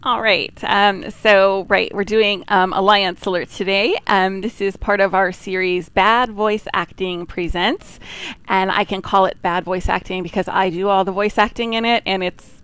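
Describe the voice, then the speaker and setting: A woman hosting a game livestream in casual, unscripted chat, talkative and self-deprecating, with a clear, smooth voice. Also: mid-range voice, fairly even intonation, moderate pace, a bit bright, dry recording.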